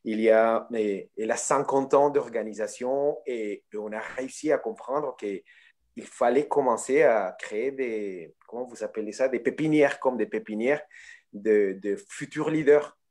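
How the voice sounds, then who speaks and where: Man, mid-pitched voice, hesitant, french speaker, online panel answer. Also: a little slow, a little mellow. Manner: hesitant, searching for words.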